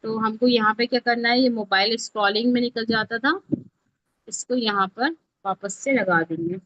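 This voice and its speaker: Teaching mobile video editing online, this Indian instructor speaks at a normal speed in a fairly high, fairly bright voice. She keeps the live tutorial informal and step by step, pausing to check on her learners. Her recording sounds close, dry, dull and lo-fi.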